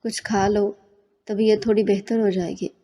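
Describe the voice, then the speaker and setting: A gentle young wife, soft and hesitant, coaxing in a quiet way, as a woman reads her lines. Her tone is mellow and warm rather than bright. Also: medium pitch, little pitch movement, normal speed, big-room sound, close to an everyday voice.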